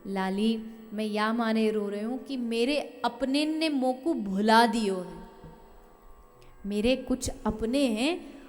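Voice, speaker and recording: A woman's voice: on the high side, slow. Woman voicing a sorrowful old blind holy man. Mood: plaintive. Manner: soft, plaintive, lamenting.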